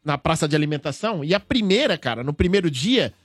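An excitable Brazilian man with a high voice that swings widely as he tells his stories. He speaks with a Brazilian Portuguese accent, and his speech is slangy and animated. The sound is dry and close, with faint music underneath. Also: fast, dry recording. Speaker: show host. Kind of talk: casual chat.

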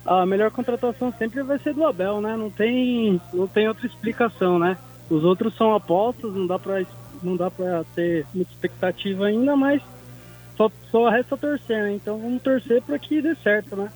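This is a caller, coming through a phone line into a radio studio. His voice sits high. He talks in an easygoing way and ends his points with tag questions. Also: normal speed, darkish tone. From Guarulhos, São Paulo, Brazil. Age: 30s. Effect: heard over a phone line. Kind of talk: casual call-in chat.

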